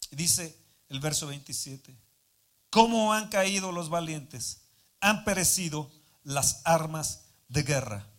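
A man preaching a sermon, moving from calm Bible reading to fervent shouted declarations, recorded live in a church hall. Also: on the high side, slow. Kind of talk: sermon with prayer.

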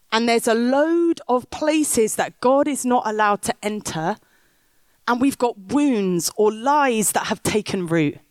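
With a fairly high pitch and no room sound, a woman preaches from a stage inside a big top tent. Her sermon weaves in a story as she rouses the crowd.

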